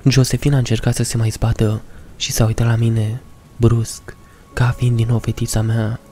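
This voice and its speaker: A man narrating a first-person horror story in a measured, somber way. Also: medium pitch, flat delivery, mellow, faint music behind.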